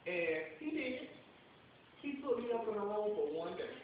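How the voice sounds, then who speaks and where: A man's voice: extremely high pitch, animated, normal speed, a little hiss or hum. A young man from Florida, giving a personal testimony as a self-described prophet and acting out the voices of everyone he quotes, with lots of repetition. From Jacksonville, Florida, US. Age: young adult. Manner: retells events by acting out each quoted voice, with many repetitions. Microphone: phone held away from the speaker. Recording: very echoey, distant, tinny phone recording.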